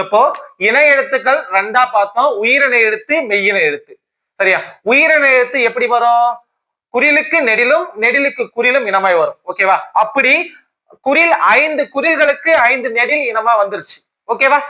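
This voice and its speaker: A man's voice: extremely high pitch, pushed and bright. A man teaching an exam-prep grammar lesson who says each key term twice and keeps asking if the class follows. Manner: repeats key terms, keeps checking with "okay?"; slow, dictation-like repetition of terms.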